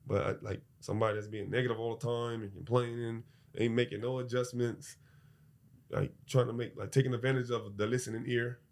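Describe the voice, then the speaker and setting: A man's voice: medium pitch, level tone, a little fast, darkish tone. A man, a podcast guest chatting casually in laid-back slang and teasing the host.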